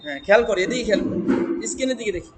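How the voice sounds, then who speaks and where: A man teaching Quran reading, chanting verses slowly and then explaining them letter by letter while quizzing students and having them repeat. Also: high-pitched, animated, very noisy. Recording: echoey hall with long reverb.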